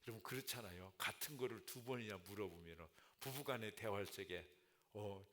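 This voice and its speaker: Brief: male pastor, earnest sermon delivery, bright forceful voice, church sanctuary. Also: on the low side, fast talker, a little hiss or hum. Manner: earnest, punctuates with frequent affirmations.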